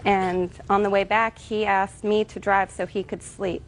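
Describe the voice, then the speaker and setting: A woman with an American accent testifying as a plaintiff, explaining in a measured, hesitant way. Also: medium pitch, flat delivery, rough recording. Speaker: plaintiff in TV small-claims court. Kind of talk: courtroom testimony. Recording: TV courtroom with faint noise.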